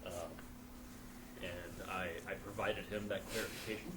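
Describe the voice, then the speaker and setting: A man commentating a live card game, explaining the board and rules in a measured way. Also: sits low, flat delivery, distant mic, heavy background noise. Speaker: stream commentator. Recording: roomy hall mic from afar with crowd.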